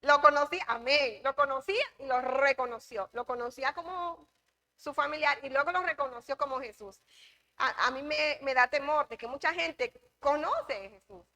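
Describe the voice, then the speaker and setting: Bright-voiced woman teaching Bible class. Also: high voice, moderate pace. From Dominican Republic. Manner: emphatic, repeats key phrases, asks the class questions.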